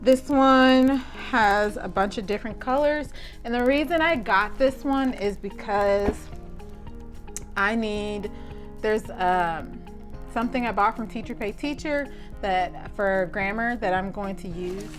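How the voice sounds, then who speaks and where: Slow-talking young Southern woman, chatty. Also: medium pitch, soft background music. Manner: chatty, rambling, many "like"s and restarts. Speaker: teacher vlogger. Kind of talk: casual vlog chat.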